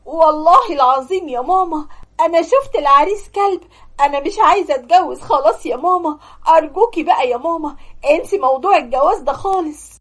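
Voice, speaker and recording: A woman's voice: sits high, animated, quick pace. Woman doing a sobbing young Egyptian bride. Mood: pleading. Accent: Egyptian Arabic. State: crying. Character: frightened young bride, tearful and pleading.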